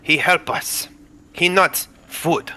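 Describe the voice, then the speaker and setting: A man playing a solemn, halting adventurer. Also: on the high side, steady tone, sharp tone, clear, resonant tone, exaggerated voice. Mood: earnest. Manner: halting, broken grammar, earnest.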